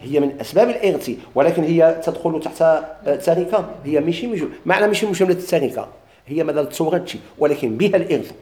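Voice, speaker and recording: Man teaching a lesson, Moroccan Arabic accent, warm slightly high voice, echoey classroom. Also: expressive, quick pace. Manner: repeats key terms, quizzes students. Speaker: teacher of Islamic inheritance law. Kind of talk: classroom lecture, questions and answers.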